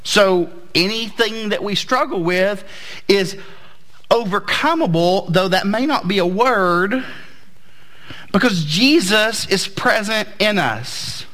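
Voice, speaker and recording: An American pastor, a man of forty, delivers a church sermon in a high-pitched voice with a bright, forceful edge. He talks to the congregation conversationally and drives points home with emphatic repetition. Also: lively intonation, slow pace.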